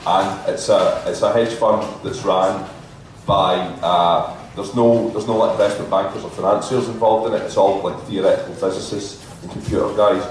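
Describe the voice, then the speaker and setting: Low-voiced man in an echoey venue. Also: steady tone, moderate pace. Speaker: live podcast panelist. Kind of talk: informal live show talk. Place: live stage in a club venue. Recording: very echoey venue, distant mic, faint noise.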